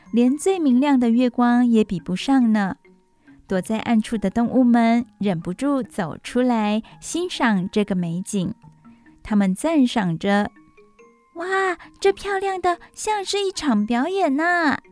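A woman radio host reading a bedtime story for children, expressive, with asides to listeners. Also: on the high side. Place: radio studio.

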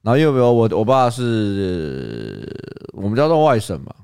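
A man's voice: on the low side, very animated, normal speed, a little mellow, clean tone, no echo, studio quality. A young man with a Taiwanese Mandarin accent, co-hosting a casual chat podcast, restarting mid-sentence and tossing in joking asides. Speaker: podcast co-host.

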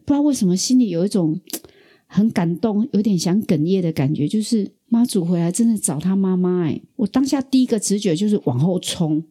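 A middle-aged woman from Taiwan hosting a podcast, telling a personal story in a lively, chatty way. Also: medium pitch, fairly quick, slightly rough. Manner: animated storyteller, acts out quoted voices. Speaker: podcast host. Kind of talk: casual storytelling.

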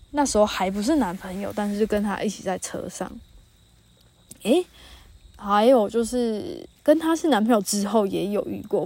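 A woman's voice: medium pitch, vocal fry, darkish tone. A woman in her thirties with a Taiwanese Mandarin accent, chatting casually as a solo podcast host and telling anecdotes, quoting people and laughing now and then. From northern Taiwan. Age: 30s. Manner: chatty storytelling, quotes people, laughs often. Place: mountain campsite by a campfire.

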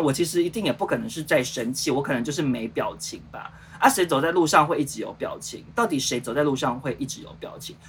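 A man's voice: a little high, slightly rough. A man in his thirties with a Taiwanese Mandarin accent, casually telling a story on a livestream and acting out the dialogue with lots of fillers. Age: 30s. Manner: animated, re-enacts dialogue, rambling with many fillers. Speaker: show producer and host.

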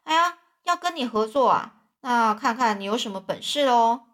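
A woman's voice: on the high side, lively intonation, moderate pace, a bit bright. A woman storyteller voicing a boastful old male swindler who poses as a preacher, talking in a brash, defensive way.

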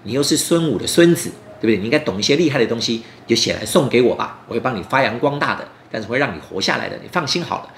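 Man voicing a scheming, falsely friendly rival, animated. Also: mid-range voice, very fast, hardly any pauses, close to an everyday voice. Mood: coaxing. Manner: coaxing, self-important. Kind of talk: children's storybook character voice. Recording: roomy echo, faint background noise.

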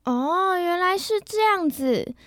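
A woman's voice: very high voice, lively intonation, takes it slowly, fairly bright tone, no room sound, studio quality, exaggerated voice. A woman voicing a curious little boy who asks for more stories. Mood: eager. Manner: eager, inquisitive.

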